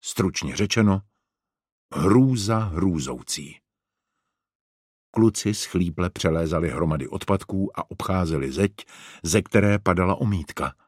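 A man narrating a children's adventure story in a measured audiobook reading. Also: low-pitched, slightly rough, no room sound, clean studio sound.

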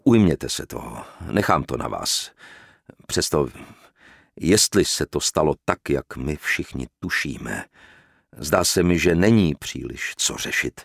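A man voicing a cautious, reserved country gentleman who speaks slowly and gravely in an audiobook. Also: expressive, no echo, studio quality, full character voice. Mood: grave, hesitant. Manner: slow, low, hesitant and grave. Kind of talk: audiobook character reading.

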